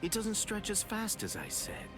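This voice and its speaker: An actor playing a sly, scheming male swordsman who taunts his captain in a soft, mocking voice, in a video game cutscene. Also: high-pitched, wildly swooping pitch, moderate pace. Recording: game audio with loud music. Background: loud music.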